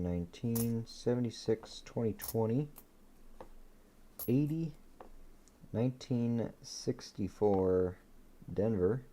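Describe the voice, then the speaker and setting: A man hosting a live coin-hunting stream, quietly reading off dates and chatting easily between finds. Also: fairly low pitch, slight background noise. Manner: easygoing, laughs at his own dad jokes. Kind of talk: casual live-stream commentary.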